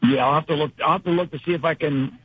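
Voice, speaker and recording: A man's voice: a little high, steady tone, very fast, slightly rough, dry recording. Man calling in over a dull phone line. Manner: rambling, with restarts. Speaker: radio show caller. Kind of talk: casual call-in chat by phone.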